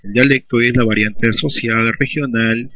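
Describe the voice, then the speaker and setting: A man's voice: mid-range voice, fairly even intonation, a little slow, pushed and bright, a little hiss or hum. A man with a Peruvian accent, a school teacher giving a recorded class lecture, who explains by asking and answering his own questions. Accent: Peruvian Spanish. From Peru. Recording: dull lo-fi recording.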